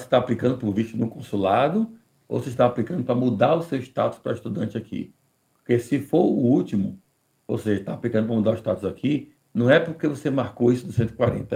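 A man with a Brazilian Portuguese accent answering immigration questions on a live podcast, measured and deliberate, often restarting words. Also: mid-range voice, gravelly, warm tone.

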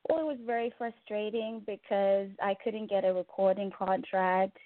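A singer-songwriter from Zimbabwe, a woman, answering interview questions calmly and politely over the phone. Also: mid-range voice, moderate pace, no echo. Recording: tinny dry phone line.

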